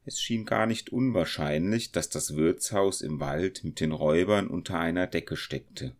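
A man reads a storybook aloud in a very deep voice. His narration is even and measured. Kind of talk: storybook reading.

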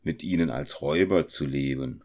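A man voicing a calm, steady carter in a storybook reading, speaking slowly and reassuringly. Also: a bass voice. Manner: slow, reassuring.

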